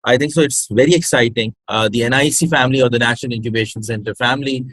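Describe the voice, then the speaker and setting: Speaking fast in a mid-range, slightly bright voice, this Pakistani-accented interview guest, who directs a startup incubator project, hesitates and shifts between English and Urdu while explaining. He was born in Hyderabad and grew up in Karachi, and the low-quality recording has no echo.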